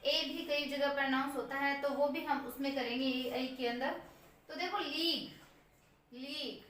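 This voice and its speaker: A woman teaching English pronunciation in Hindi, repeating each word slowly as a drill. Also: high-pitched, fairly even intonation, a bit bright, slight background noise. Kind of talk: Hindi-language pronunciation lesson. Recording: echoey room from a distance.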